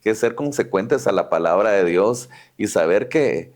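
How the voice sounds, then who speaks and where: A man with a low voice co-hosts a faith podcast. He speaks reflectively, pausing and hesitating often with fillers. His manner is conversational. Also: expressive, a little mellow.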